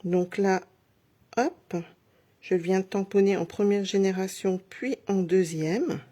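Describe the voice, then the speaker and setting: Slow and warm, with medium pitch, a middle-aged woman demonstrates a craft live. She chats through every step as she works, speaking directly to viewers and encouraging herself along the way.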